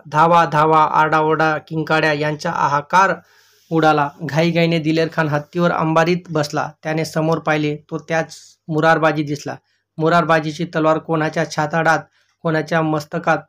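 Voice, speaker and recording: Flat-voiced male teacher reading history. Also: a little high. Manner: reads steadily, pausing to point out pictures. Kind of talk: reading a history textbook aloud to children.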